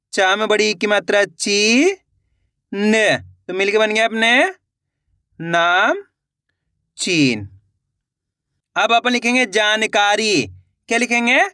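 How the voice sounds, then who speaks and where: A man with a high, bright, crisp voice teaches Hindi spelling, breaking each word into syllables and saying it again and again. He quizzes his viewers as he goes. The sound is dry and close. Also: no room sound. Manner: repeats each word and asks pupils questions. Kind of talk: slow, syllable-by-syllable spelling lesson.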